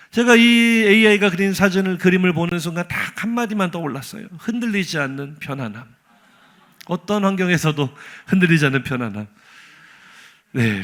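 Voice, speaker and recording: Male pastor, sermon, high voice, lively swooping delivery, joking rhetorical questions. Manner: animated, humorous, rhetorical questions to the congregation. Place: church sanctuary.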